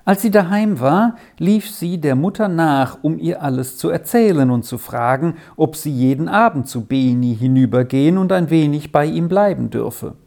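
A storyteller reading a children's story aloud in a slow, expressive way. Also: medium pitch, gravelly.

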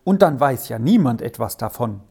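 A woman's voice: extremely low pitch, expressive, moderate pace, creaky, warm tone, husky, heavily acted. A woman doing a sly, cocky herd boy. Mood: coaxing. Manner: brash, coaxing, sly. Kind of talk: storybook reading.

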